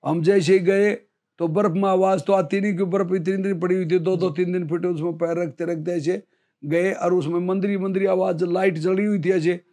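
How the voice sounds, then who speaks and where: Speaking fairly quickly in a high voice, a man in his fifties who served in the army recounts a story for an interview, animated and mimicking others' words.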